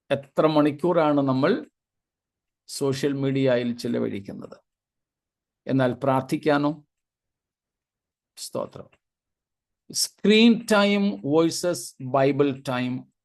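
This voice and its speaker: Slow, deliberate preacher man. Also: a little high, darkish tone. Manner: deliberate preaching with long spoken lists and repeated 'praise God' asides. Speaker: pastor. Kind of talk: Bible sermon.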